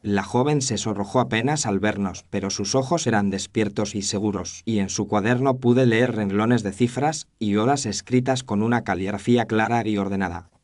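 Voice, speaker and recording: A man's voice: lowish voice, normal speed, hardly any pauses, darkish tone, close to an everyday voice. A man narrating a scripted mystery story as an observant Victorian doctor, formal and descriptive. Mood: reflective.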